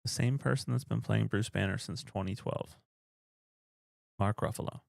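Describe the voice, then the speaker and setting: Podcast co-host, male, low gravelly voice, dry close sound, deadpan and rambling. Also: normal speed, no echo. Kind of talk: casual chat about movies.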